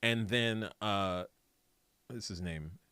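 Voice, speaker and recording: A man's voice: lowish voice, slow, pushed and bright, clear, resonant tone, no echo. A man co-hosting a podcast, ranting in mock anger about an old woman and then explaining video game history in casual banter. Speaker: podcast co-host presenting the topic.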